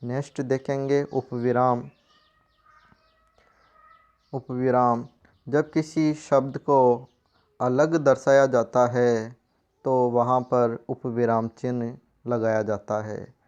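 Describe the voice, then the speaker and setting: A man teaching a grammar lesson, explaining slowly and reading out example sentences. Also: mid-range voice, clean tone. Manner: slow, even explaining with spoken examples. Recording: dull lo-fi sound.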